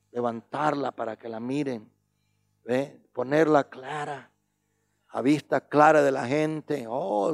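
A male preacher with vocal fry delivers a sermon, repeatedly asking "¿ve?" between points. He slows down on key words and shifts between loud, emphatic lines and quiet, low asides.

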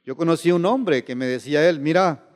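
Man, preacher, sermon, high voice, animated, repeats words, long hall reverb. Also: a little fast. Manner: animated, repeats words, asks the listeners rhetorical questions.

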